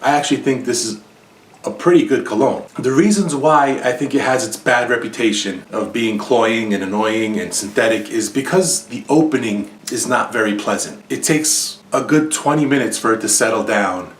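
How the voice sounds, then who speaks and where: A man's voice: medium pitch, moderate pace, roomy sound, distant mic. A man hosting a casual review vlog, talking in a conversational, opinionated way and repeating points for emphasis. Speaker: fragrance reviewer. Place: home in New Jersey.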